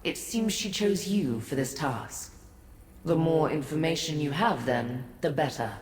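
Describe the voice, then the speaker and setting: An actress with a deep, expressive voice plays an ancient, aloof godlike being in scripted fantasy game dialogue. Grave and composed, she speaks in a measured, formal way, with haughty, cryptic condescension toward mortals. The recording is echoey with long reverb and a little hiss or hum.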